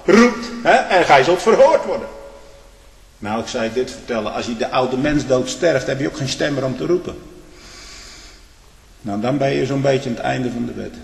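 A man preaching a fiery sermon, swinging between loud declamation and low, confiding asides, often prodding his listeners with "hm?". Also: expressive, normal speed, gravelly, long pauses. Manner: frequent questioning "hm?" to the congregation. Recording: echoey church hall, long reverb.

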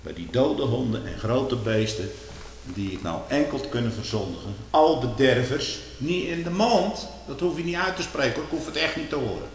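A man preaching a sermon, swinging from hushed, low passages to loud, drawn-out declaiming and pleading questions. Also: expressive. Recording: echoey hall with faint hiss.

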